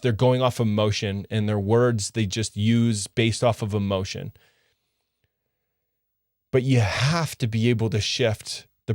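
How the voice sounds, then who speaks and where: Man, relationship coach, earnest, short clipped phrases, fairly low voice, dry close sound. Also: darkish tone, no echo. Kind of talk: direct coaching monologue.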